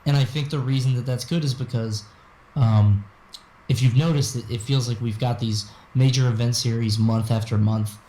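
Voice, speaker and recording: Hoarse, tired man with a smoker's rasp. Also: fairly even intonation, normal speed, warm tone. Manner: restrained, keeping his voice low and easy. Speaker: guest co-host, esports commentator. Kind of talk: casual chat. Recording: roomy, faint background noise.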